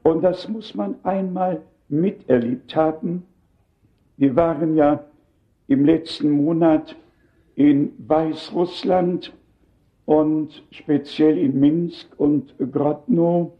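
An older man delivers a sermon in a fairly high voice, taking his time over each phrase. He preaches with earnest emphasis and speaks straight to his listeners. The recording sounds dull and lo-fi.

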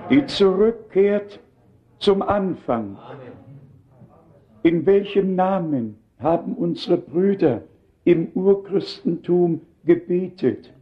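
Delivering a sermon, an older man with a fairly high voice lingers over each phrase. He speaks directly to his listeners with earnest emphasis, and the recording is dull and lo-fi.

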